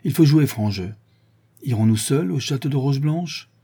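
A man reads a stern young poacher who speaks with measured, commanding firmness, in a dark, husky voice. It is an audiobook character, close to the reader's own voice. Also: medium pitch, expressive. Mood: firm. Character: strong, stern young poacher, firm and cold.

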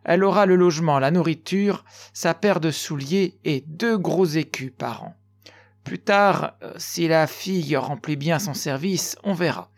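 Emphatic, warm-hearted villager, loud and slow, as a male narrator puts him on. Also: fairly high pitch, pitched above the performer's own voice.

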